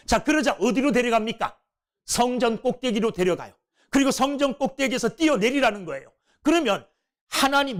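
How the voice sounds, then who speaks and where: A male pastor preaching a sermon, telling the story with lively acted-out lines and questions to the congregation. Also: extremely high pitch. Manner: animated storytelling, acting out quoted lines.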